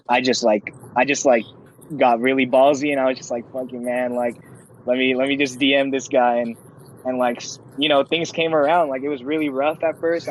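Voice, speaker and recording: A young man in his early twenties speaks in a relaxed, thoughtful way, often breaking into easy laughter. His voice sits at an ordinary middle pitch. A faint hiss of background noise runs under the recording. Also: low-quality recording. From California, USA. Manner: laid-back, reflective, laughs often. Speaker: guest, dancer. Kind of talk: casual interview chat.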